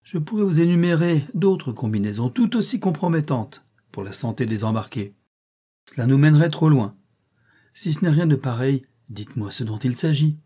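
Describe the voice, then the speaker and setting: A man's voice: mid-range voice, expressive, moderate pace, mellow, husky. A man reading as a mocking bandit captain. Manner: ironic, mocking. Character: cynical male bandit captain, mocking and bold. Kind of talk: audiobook reading.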